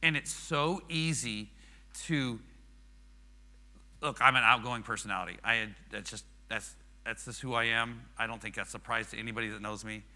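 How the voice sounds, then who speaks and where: Bright-voiced man preaching conversationally. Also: medium pitch, steady tone, moderate pace. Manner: chatty, self-deprecating, acts out quoted prayers. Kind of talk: conversational sermon.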